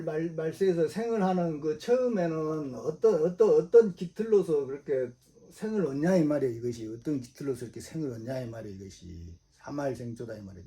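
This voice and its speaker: A middle-aged man gives a religious sermon. His voice sits on the higher side but sounds very dark and mellow. He hammers his points home through repetition and frequent rhetorical questions. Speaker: preacher.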